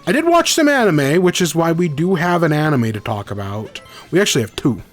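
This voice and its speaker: A young podcast host speaks a little fast in a fairly high, sing-song voice over soft background music. Suffering from a cold, he's congested and scratchy-throated. His gaming livestream chat is casual and rambling, full of self-corrections.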